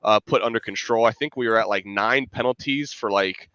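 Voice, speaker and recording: Congested from a cold, a sports podcast co-host and fan analyst talks a little fast in a lowish, sharp-toned voice, rambling in a loose chat stuffed with fillers and frequent restarts. The high frequencies are cut off.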